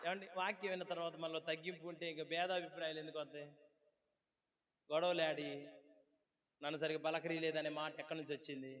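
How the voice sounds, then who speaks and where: Male pastor with a high voice, preaching with fervor in a long-echo church hall. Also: little pitch movement, fast talker, long pauses, muffled recording. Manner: impassioned preaching, rising to loud high exhortation; colloquial, scolding asides to the congregation. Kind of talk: sermon.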